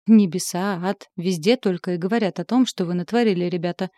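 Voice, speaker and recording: A woman's voice: fairly low pitch, a little fast, dark tone, no room sound, clean studio sound, natural voice. A woman voicing a brash, mocking old female seer who turns out to be a goddess of prophecy, in a spoken story.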